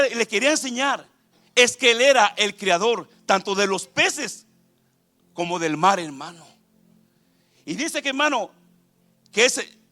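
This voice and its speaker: A man's voice: high voice, bright, forceful tone. A man preaching a sermon in a church, fervent, calling his listeners brother again and again.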